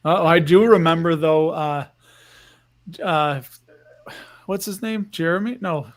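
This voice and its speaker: A man's voice: on the high side, slow pace. A man appearing as a guest in a casual podcast chat, jokey and chatty.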